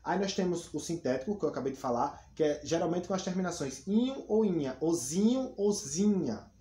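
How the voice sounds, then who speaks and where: A man's voice: fairly high pitch, animated, a little fast, dark tone. Patient male teacher in an echoey room. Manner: patient, repeats and spells out examples. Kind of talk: explaining a grammar lesson. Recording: echoey room, faint background hum.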